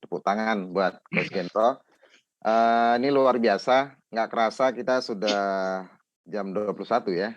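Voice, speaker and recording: A man's voice: on the low side, unhurried. A man moderating a webinar over a video call, upbeat and giving brief praise. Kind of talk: hosting a webinar. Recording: dry, dull video call audio.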